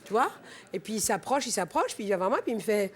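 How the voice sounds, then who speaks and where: A middle-aged woman, a talk-show guest, telling lively anecdotes and acting out the people in them. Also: mid-range voice, fast talker, husky. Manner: animated storyteller acting out quotes. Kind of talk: casual talk-show chat. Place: TV studio with audience.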